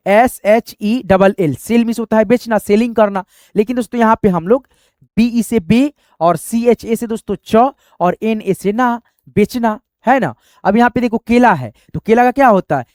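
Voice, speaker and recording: A man's voice: high voice, a little mellow, no room sound, studio quality. A man teaching a spoken lesson, patiently spelling out letters one by one.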